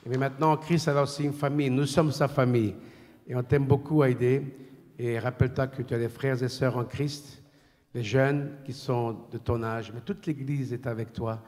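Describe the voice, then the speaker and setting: Guy leading church service, big praise shouts, lots of hall reverb. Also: mid-range voice, fairly even intonation, moderate pace. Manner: fervent, exclamatory praise. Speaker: church leader presenting a testimony.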